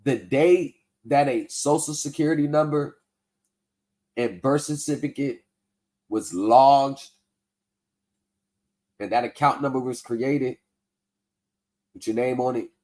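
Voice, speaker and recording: Slow and given to long pauses, a livestream host with a mildly mellow, mid-range voice examines a tax form. He reads the text aloud, casually explains it, and skeptically pulls apart bad advice as part of debunking scams.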